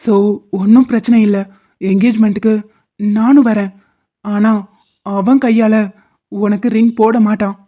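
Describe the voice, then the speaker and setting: A woman's voice: mid-range voice, fairly even intonation, measured pace, pauses often, natural voice. A woman voicing a confident, protective young man in a cartoon drama, teasing and reassuring. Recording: dull lo-fi audio.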